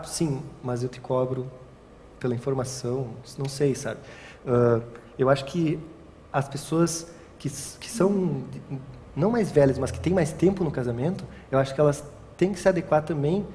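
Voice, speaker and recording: A warm, mid-range male voice belongs to a young man being interviewed casually about his wedding photography. He meanders, backtracks to restart thoughts, and tacks "sabe?" onto many sentences. There's faint ambient noise and a long reverb.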